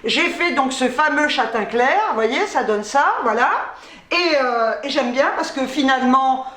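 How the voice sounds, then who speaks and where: High-voiced agitated woman vlogger, echoey room. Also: a bit bright. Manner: agitated, nervous laughter between phrases; swears casually. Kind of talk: casual shopping haul chat.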